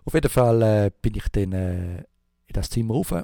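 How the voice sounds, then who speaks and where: A man with a Swiss German accent telling a rambling anecdote in a casual way, halting often with fillers and restarts and imitating thumping sounds. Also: lowish voice, lively intonation, warm tone, no echo, studio quality. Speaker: storyteller.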